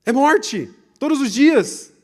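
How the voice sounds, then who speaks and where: Young Brazilian pastor with a high-pitched voice, preaching live, lively swings from loud to hushed. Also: male voice, takes it slowly. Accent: Brazilian Portuguese. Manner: animated, swings between loud emphasis and hushed asides. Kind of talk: live sermon. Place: church, live service.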